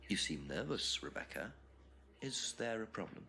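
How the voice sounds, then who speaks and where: Brief: middle-aged game detective, measured and pointed, with a very lively pitch. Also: male voice, creaky, exaggerated voice. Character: probing calm male police detective, middle-aged. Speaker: detective questioning suspects. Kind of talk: live-action video game acting.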